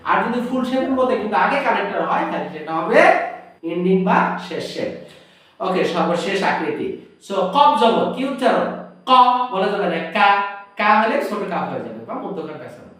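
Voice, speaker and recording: A man teaching Arabic letter pronunciation, explaining step by step and drawing out each sound slowly to demonstrate it. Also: high-pitched, big pitch swings, fairly bright tone, recorded from a distance. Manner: asks the viewer questions, then answers them himself. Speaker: Quran teacher. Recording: very echoey room, voice from off the mic.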